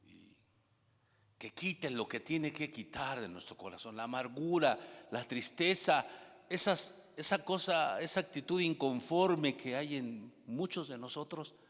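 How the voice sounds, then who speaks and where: Man, pastor preaching, dynamic delivery from quiet to loud, bright forceful tone, long reverb. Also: on the high side, expressive, a little slow. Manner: dynamic preaching, swings from hushed to loud exclamation; humorous asides with congregation prompts. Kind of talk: sermon.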